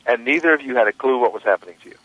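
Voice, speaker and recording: A man's voice: mid-range voice, rapid-fire, dry recording. Emphatic male radio coach, dull sound. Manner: probing, emphatic, repeats key phrases. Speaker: radio host and life coach. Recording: dry, dull lo-fi radio audio.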